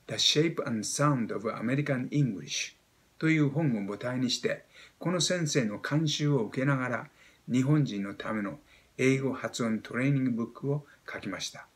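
A Japanese man in his seventies teaching pronunciation, explaining step by step and demonstrating sounds with animated emphasis. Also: mid-range voice. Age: 70s. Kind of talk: explaining lesson.

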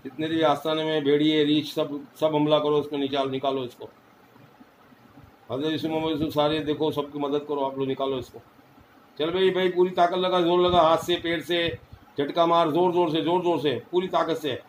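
A man acts as a spiritual healer in a ritual exorcism, issuing commanding orders that he repeats again and again. His voice sits a little high. The room is echoey, with a faint hum of background noise. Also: fairly even intonation, normal speed. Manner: commanding, repetitive chanted orders.

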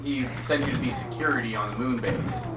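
A man's voice: mid-range voice, brisk, distant mic, over music. A man chatting casually as a guest over a game, tipsy from beer, rambling and unsure of his facts. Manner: rambling, unsure, laughing often. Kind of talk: casual gaming chat. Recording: echoey room, off-mic, noisy.

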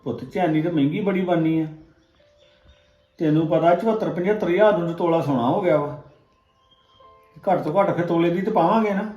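A woman's voice: fairly low pitch, brisk, long pauses, mellow, lightly acted. An actress playing a worried older village mother with a Punjabi accent, consoling and indignant, in a dull echoey recording with faint music.

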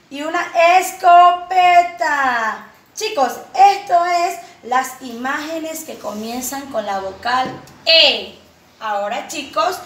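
Preschool teacher woman, slow and drawn-out, recorded from a distance in a hollow room. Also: sits high, a bit bright, roomy sound. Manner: slow sing-song, drawn-out words, coaxing questions to children. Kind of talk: online phonics lesson for young children.

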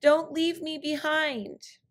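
A woman voicing a boastful, eager male coyote in a storybook trickster tale, excitable and pleading. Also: a little high, unhurried, voice pushed up. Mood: panicked.

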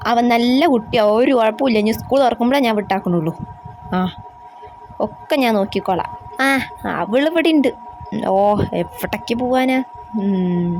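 A woman's voice: on the high side, darkish tone, a little hiss or hum, close to an everyday voice. A woman playing an older grandmother in a homemade family skit. The grandmother coos over one grandson and scolds the others. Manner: coaxing and scolding by turns, sing-song baby talk.

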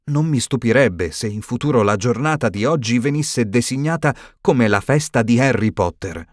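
A man's voice: expressive, moderate pace, dry recording, clean studio sound, natural voice. Man voicing McGonagall, a shaken stern old professor. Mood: indignant. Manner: higher, shaken and indignant. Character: stern elderly female professor, anxious, tremulous.

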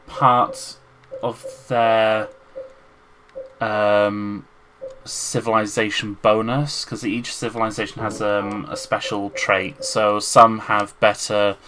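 A man's voice: fairly low pitch, flat delivery, takes it slowly, bright, forceful tone, a little hiss or hum, low-quality recording. A man co-hosting a gaming channel, chatting casually and rambling with many hesitations.

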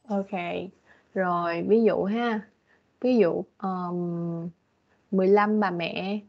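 Lady teacher, patient, coaxing, mid pitch, muffled video call sound. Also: steady tone. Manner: patient, coaxing, explains slowly. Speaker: English teacher. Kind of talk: online English lesson for a young child. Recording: dull lo-fi video call audio.

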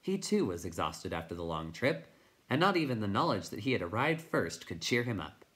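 A man reading a children's novel aloud as a teacher, in expressive storytelling narration. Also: on the low side, a little fast.

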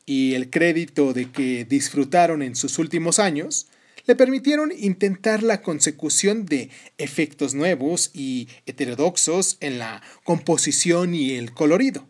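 A man hosting a podcast, reading scripted narration in a measured, formal way. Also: on the high side, darkish tone. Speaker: podcast host.

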